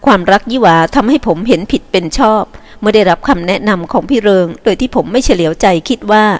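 A woman voicing a remorseful young man who speaks quietly and sorrowfully. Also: medium pitch, animated, quick pace, natural voice.

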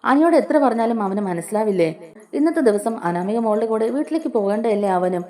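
A woman's voice: a little high, lively intonation, fast talker, warm tone, lightly acted. A woman voicing a concerned, reproachful old grandfather questioning his grandson's behaviour.

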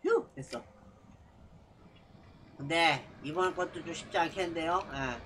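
A man's voice: on the high side, a little slow, fairly bright tone, a little hiss or hum. A man streaming a horror game live, startled and exclaiming, muttering to himself as he plays. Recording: game music behind the voice. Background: horror game music.

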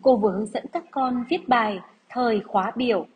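Woman teacher reading out dictation for little kids, slow n careful, slightly high husky voice. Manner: deliberate, measured, repeats phrases. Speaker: primary school teacher. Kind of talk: slow dictation lesson for young pupils.

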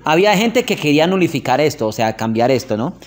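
A man's voice: on the high side, big pitch swings, fast talker. A man giving an informal religious lesson in a classroom, chatty, often checking in with his listeners and telling anecdotes. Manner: chatty, asks "¿ok?" often, tells anecdotes with laughter. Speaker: religious teacher.

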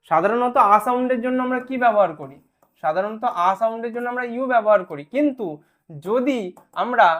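With a mid-range voice that's a touch bright, a teacher gives an online English spelling class. Words are patiently sounded out one syllable at a time, with frequent checks that everyone is keeping up.

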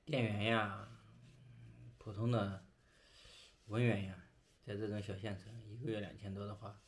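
Young man, low voice, mouth full of food, casual chat, chewing between phrases. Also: flat delivery, a little slow. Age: young adult. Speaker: vlogger. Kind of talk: casual chat while eating. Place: small indoor bedroom.

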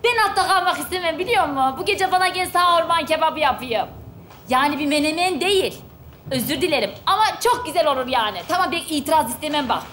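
A woman playing a brash, quick-tongued shopper in a stage comedy sketch. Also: sits high, animated, a bit bright. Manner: brash, quick, comically indignant. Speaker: shopper character. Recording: live stage show with audience noise. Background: studio audience laughing.

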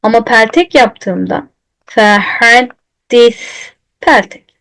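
A woman teaching Quran recitation, patiently demonstrating letter sounds and repeating them slowly. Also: fairly high pitch, expressive, creaky, poor audio. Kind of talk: recitation lesson.

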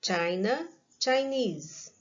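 A Brazilian woman teaching an English lesson to young children in a recorded online class, speaking slowly and carefully and repeating each word. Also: on the high side, lively intonation, lo-fi sound. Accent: Brazilian Portuguese.

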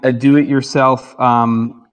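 A man with a medium-pitched voice talks casually as a livestream co-host. The room gives his words an echoey, cave-like sound. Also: flat delivery, takes it slowly, clear, resonant tone.

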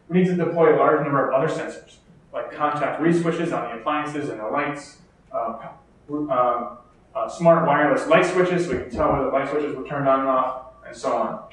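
A man with an American accent giving a conference keynote lecture, explaining steadily with the odd filler and restart. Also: a little high. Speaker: keynote speaker. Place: lecture hall. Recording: echoey hall, distant mic.

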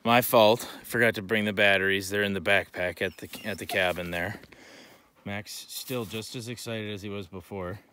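A man's voice: on the low side, fairly even intonation, normal speed, sharp tone, slight background noise. A man vlogging casually outdoors in snowy woods, rambling in an easygoing way while hauling hunting gear and cooking on an action camera. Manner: easygoing, rambling, talks to his dog. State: out of breath.

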